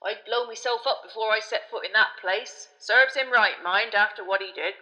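A woman voicing a dour, older male bus driver, terse, grunting and slow, as an audiobook character. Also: mid-range voice, pushed and bright, lightly acted, rough recording. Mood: dark, gruff.

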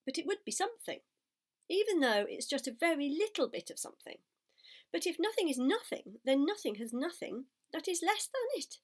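A woman's voice: high voice, big pitch swings, a little fast, voice pushed up. A woman voicing a lonely young male pig who pleads earnestly for a playmate. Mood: pleading.

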